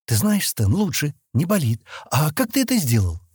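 A man's voice: on the high side, wildly swooping pitch, normal speed, darkish tone, husky, dry recording, studio quality, voice pushed up, exaggerated voice. A man reading an audiobook, voicing a naive young alien woman who complains in a raised, plaintive voice.

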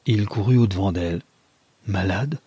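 A man reading a novel aloud in measured, even narration. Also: on the low side, slightly rough, no echo.

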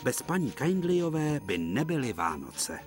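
A man narrating a dubbed children's TV cartoon in a gentle, expressive storybook style. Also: mid-range voice, over music.

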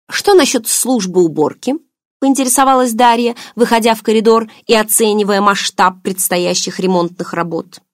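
Female audiobook narrator, measured and even, slightly low voice, dry recording. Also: no room sound.

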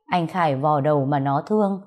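A woman's voice: low-pitched, a little fast, darkish tone. A woman reading a story aloud as scripted narration, voicing all the dialogue in her own voice.

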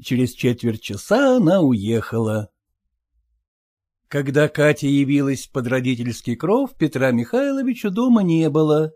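A reader narrating a classic story aloud in a measured way, voicing the dialogue. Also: medium pitch, very animated, a little mellow, dry recording.

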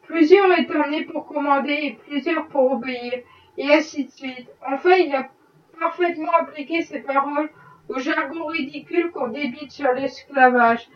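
A woman's voice: high-pitched, normal speed, roomy sound, far from the mic, dull audio, natural voice. A woman reading a novel aloud, voicing a haughty, self-pitying rich lady in a prim, disapproving way. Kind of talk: audiobook reading.

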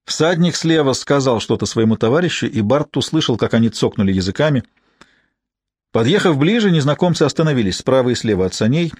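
A man narrates a scripted audiobook, telling the story in a measured, even manner. His voice is mid-range, and the studio-quality recording has no echo.

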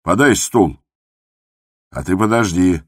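Man doing a hearty, booming old postmaster. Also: big pitch swings, breathy edge, dry recording, studio quality, exaggerated voice. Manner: hearty, loud, drawn-out joking. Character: jovial boisterous old male postmaster.

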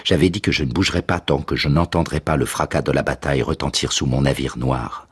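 A man's voice: extremely low pitch, steady tone, fairly quick, husky. A man voicing a proud, wrathful male hero who gives stern commands, in a radio drama.

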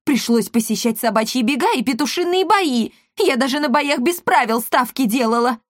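A woman's voice: sits high, lively intonation, normal speed, no room sound, studio quality, voice pushed up. A woman voicing a sheepish, gambling-obsessed wife in a storybook reading, coy and chattering.

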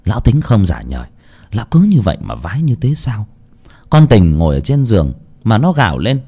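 Expressive low-voiced male horror narrator. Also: brisk, husky. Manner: expressive, sweeping pitch. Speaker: storyteller.

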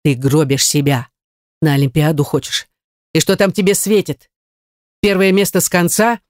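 A reader voicing an angry, domineering young politician who talks in a curt, scornful way. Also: male voice, a little high, moderate pace, dry recording, studio quality, lightly acted.

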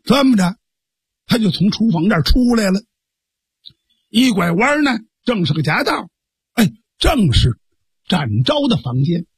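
A male storyteller giving a traditional storytelling performance, lively, colloquial and full of vivid detail. His voice sits high and sounds husky. It is heard close and dry. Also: measured pace, long pauses, no room sound.

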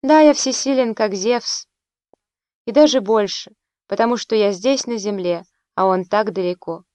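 A woman's voice: mid-range voice, normal speed, darkish tone, clean tone, no room sound, natural voice. A woman reading as a vain young emperor. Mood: boastful. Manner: boastful, irritable, impatient. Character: young male Roman emperor, vain, quick-tempered. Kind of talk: audiobook narration.

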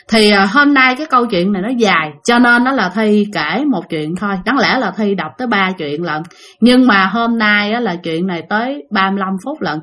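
A woman's voice: mid-range voice, a bit bright. A woman with a Southern Vietnamese accent hosting a ghost-story channel, narrating in a chatty way and talking straight to her listeners. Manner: chatty, addresses listeners directly.

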